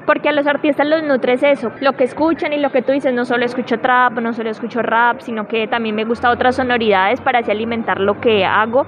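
A woman's voice: fairly high pitch, steady tone, fairly quick, few pauses, lo-fi sound. A woman interviewing an artist, asking long, wordy questions. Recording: street noise with passing vehicles.

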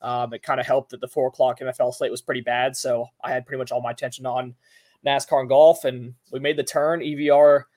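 Rambling male podcast host, mid-pitched. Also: level tone, a little mellow. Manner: rambling, hesitant, halting phrasing with many you-knows. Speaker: golf betting podcast host. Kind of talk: casual podcast chat.

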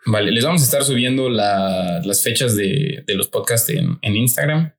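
A man's voice: fairly low pitch, expressive, moderate pace. A man from Mexico with a Mérida accent, co-hosting a podcast in casual, joking chat and teasing his friend. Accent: Mérida, Yucatán Mexican Spanish. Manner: joking, teasing, laid-back. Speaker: podcast co-host.

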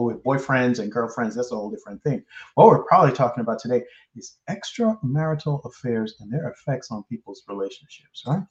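A man hosting a podcast in casual chat, rambling and jokey, often laughing between phrases. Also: mid-range voice. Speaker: podcast host. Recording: roomy, slightly dull sound.

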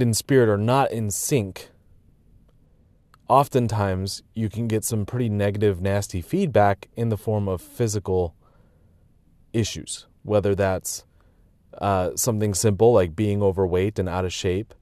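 A man's voice: fairly low pitch, steady tone, unhurried, a little mellow, no echo. A man talking casually to his viewers in a rambling, reflective way, tired and hiccuping, with many fillers and restarts. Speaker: vlogger. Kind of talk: casual personal monologue.

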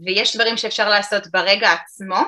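Bright-voiced woman explaining calmly. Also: medium pitch. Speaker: emotional eating therapist. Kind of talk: podcast interview answers.

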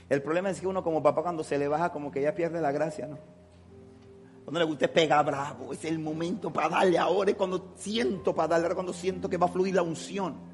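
A man preaching a sermon as pastor, swinging between shouted passion and quiet, confiding talk. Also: fairly high pitch, a little hiss or hum. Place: church with long reverb. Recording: reverberant church hall.

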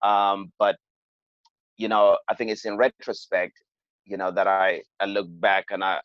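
With a fairly low, level voice and a measured pace, the man from Cameroon recounts his experiences as a podcast guest, hesitating often and restarting his sentences. The sound is smooth without room noise, yet dull and lo-fi overall.

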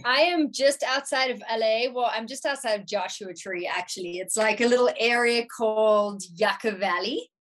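A South African woman in her thirties, her accent partly Americanized, chats as a musician guest in a casual interview. Her fairly high, fairly bright voice moves at normal speed with few pauses, and she comes across easygoing and thoughtful, saying "like" often.

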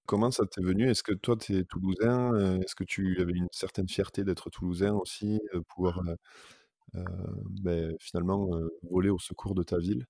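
A man hosting a casual podcast, lively and teasing with his co-hosts. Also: low-pitched, moderate pace, dry recording. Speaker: podcast host.

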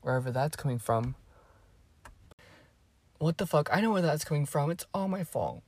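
A woman's voice: deep voice, animated, moderate pace, darkish tone, slightly rough, no room sound. A teenage girl telling stories to camera in a casual vlog, rambling and swearing freely with plenty of asides. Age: teens. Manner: rambling and profane, with fillers and asides. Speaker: vlogger.

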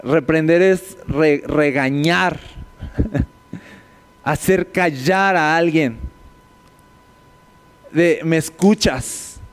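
A man gives a conversational sermon, breaking down scripture and tossing his listeners quick tag questions. His voice sits fairly high and sounds smooth and resonant. A long reverb from a large hall trails after his words. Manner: explanatory, rhetorical tag questions. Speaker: preacher. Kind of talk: conversational sermon, Bible teaching.

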